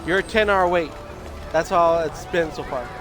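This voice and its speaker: Crowd noise can be heard as a man with a voice on the high side talks at a moderate pace, and video game music plays in the background. He's a streamer rambling casually on a livestream, restarting often, his voice scratchy and hoarse as he says he's losing it.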